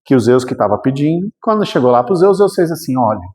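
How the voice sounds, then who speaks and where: A man's voice: fairly high pitch, lively intonation, fast talker, a little mellow. A man with a Brazilian Portuguese accent, giving a storytelling lecture in a chatty, colloquial way with humorous asides. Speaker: spiritist lecturer. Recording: reverberant hall.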